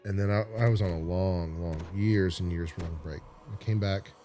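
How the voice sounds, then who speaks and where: Low voiced guy doing casual gameplay commentary, rambles and hesitates, faint music behind. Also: fairly even intonation, normal speed, dark tone. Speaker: gaming video host.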